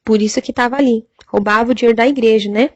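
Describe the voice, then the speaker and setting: A Brazilian woman giving a church testimony of a vision, halting with fillers and citing Bible verses, on a dull lo-fi recording. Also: a little high, fairly even intonation, no room sound. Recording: dull lo-fi recording, dry sound.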